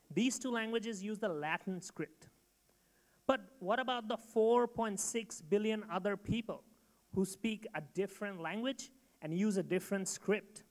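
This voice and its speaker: A man from Bangladesh giving a rehearsed startup pitch to an audience, emphatic and direct. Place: event hall. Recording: long hall reverb.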